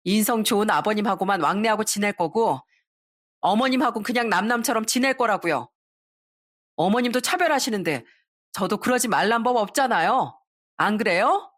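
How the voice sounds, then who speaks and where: A woman's voice: mid-range voice, animated, normal speed, dry recording, studio quality, natural voice. A woman voicing an outspoken elder sister-in-law who stands up to her mother-in-law. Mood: defiant. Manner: blunt, defiant.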